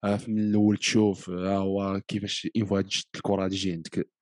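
A man's voice: sits low, flat delivery, racing, a little mellow, no room sound, clean studio sound. A man with a Moroccan accent in a casual football discussion, explaining his points and mixing in French phrases.

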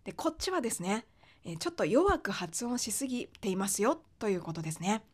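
A woman teaching English pronunciation on a podcast, explaining patiently with frequent fillers and slowing down to demonstrate sounds. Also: mid-range voice, very animated, husky.

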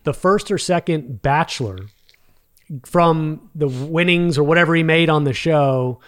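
A man's voice: on the high side, measured pace, fairly bright tone. A man with a light Texas accent, telling stories in a casual podcast chat as a guest. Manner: chatty storyteller. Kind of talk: casual conversation.

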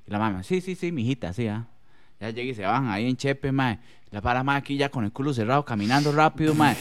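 A man's voice: medium pitch, fast, smooth. A man with a Costa Rican accent, co-hosting a podcast in casual chat and acting out voices as he tells a story. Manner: animated, acts out voices in his stories. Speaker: podcast co-host.

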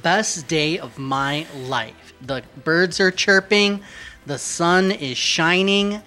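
Brief: bright-voiced male podcast host, joking, hype-driven intros, faint music behind. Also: a little high, slow pace. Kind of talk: casual podcast chat.

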